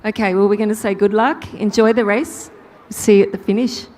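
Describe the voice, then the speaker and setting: A woman's voice: medium pitch, steady tone, brisk, darkish tone, a little hiss or hum. A woman doing chatty, upbeat live interviews out on a race track grid. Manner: chatty, upbeat, talks over the crowd. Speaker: grid reporter.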